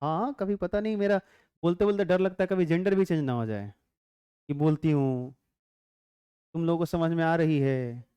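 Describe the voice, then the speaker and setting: In a classroom lecture on physics, a man with a high, clean, ringing, slightly mellow voice explains things unhurriedly, chatting with students, making joking asides and constantly asking if they follow. The sound is close and dry, with no echo or room around it.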